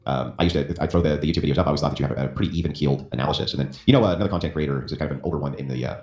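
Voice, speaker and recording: Deep-voiced man arguing fast and animated. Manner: argumentative, rising emphatic questions. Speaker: guest content creator. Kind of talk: casual stream debate. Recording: roomy echo.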